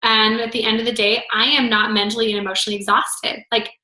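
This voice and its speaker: A woman's voice: a little high, level tone, fast talker, sharp tone. A woman teaching a group in a casual, chatty way, full of filler words, her voice slightly worn. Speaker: foot zoning instructor. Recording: roomy echo.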